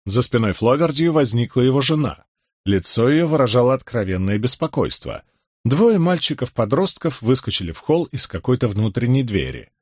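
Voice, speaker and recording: A man narrating a historical novel in the first person in measured, expressive storytelling. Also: medium pitch, no room sound, clean studio sound. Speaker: audiobook narrator.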